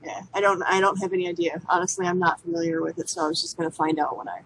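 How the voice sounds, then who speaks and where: A woman's voice: fairly low pitch, fairly even intonation, racing, fairly bright tone, a little hiss or hum, poor audio. A woman in a casual online group chat, laid-back and giggly. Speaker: guest team lead.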